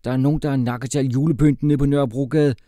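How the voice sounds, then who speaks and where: A man voicing a brash, cocky schoolboy who talks in slang and shouts. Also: medium pitch, fairly even intonation, no echo, clean studio sound, pitched above the performer's own voice, close to an everyday voice.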